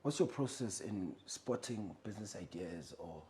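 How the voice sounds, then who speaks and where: A South African man hosting a casual business interview. He chips in with quick asides in a mix of English, Zulu and Xhosa. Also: low-pitched, lively intonation, darkish tone, slight background noise. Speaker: podcast host.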